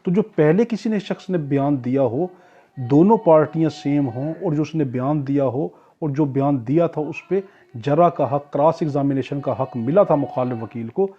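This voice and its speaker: A Pakistani law tutor gives an informal exam-prep lecture, explaining clause by clause step by step in a didactic, repetitive way and often asking and answering his own questions. His voice is a little high and mellow, at a moderate pace. The recording is muffled, with faint music behind him.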